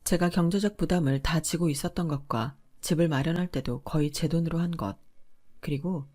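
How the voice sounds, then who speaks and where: A woman narrating a first-person family story in a calm, confiding way. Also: low-pitched, brisk.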